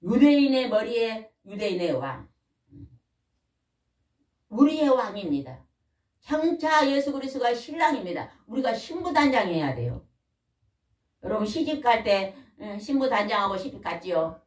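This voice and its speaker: An older woman, a pastor's wife, preaches a sermon in a folksy, animated style, asking the congregation questions. Her voice is slightly high with a moderate pace and long pauses, recorded from a distance in an echoey church hall.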